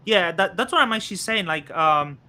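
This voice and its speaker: A man in his thirties hosts a loose crypto chat, his voice very bright and a touch high. He talks in halting bursts, full of fillers and restarts. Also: animated, a little hiss or hum. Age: 30s. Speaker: host. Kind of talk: casual crypto podcast chat.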